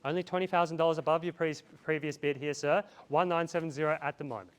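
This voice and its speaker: A man's voice: a little high, steady tone, fast talker, clean tone. A man calling a live property auction outdoors, repeating bid figures in a chant and urging buyers on. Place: outdoors in a residential street.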